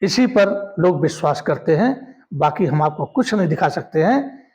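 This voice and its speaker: A defiant young Rajput warrior prince lays down his terms, firm and proud, as a man narrating a history story puts him on. His voice sits high. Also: lively intonation, unhurried, darkish tone.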